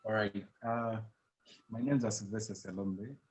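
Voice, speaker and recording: A man from Zambia, introducing himself quietly and measuredly as a student guest on a video call. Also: fairly low pitch, fairly even intonation, a little slow, poor audio.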